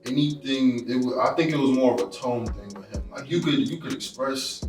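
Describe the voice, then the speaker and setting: A man's voice: mid-range voice, a little fast. A man co-hosting a podcast in casual, rambling conversation. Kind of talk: casual chat. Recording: echoey room, far from mic, music behind.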